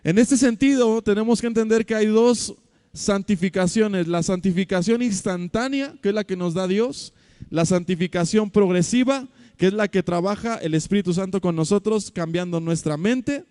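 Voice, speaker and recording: A young adult man with a Mexican accent, a pastor preaching a sermon and telling stories with acted quotes, dropping between loud and soft. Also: sits high, normal speed, clear, resonant tone, no echo, studio quality. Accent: Mexican Spanish. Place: church hall.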